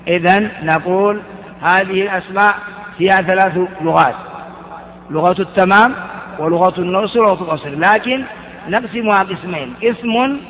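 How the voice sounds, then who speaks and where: A man's voice: high voice, fairly bright tone. A man teaching Arabic grammar in class, asking questions and answering them himself with frequent restarts. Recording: dull, reverberant hall recording.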